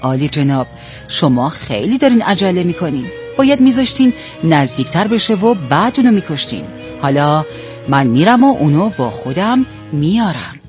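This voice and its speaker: A man voicing a sly, flattering male fox who talks others round with persuasive words. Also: fairly high pitch, soft background music. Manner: wheedling and persuasive.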